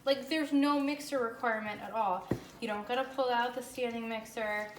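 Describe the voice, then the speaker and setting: A woman's voice: on the high side, steady tone, moderate pace. Chirpy American woman in an echoey room. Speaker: host of a home baking show. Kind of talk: casual chatty cooking demonstration. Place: indoors, home kitchen. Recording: echoey room with faint background noise.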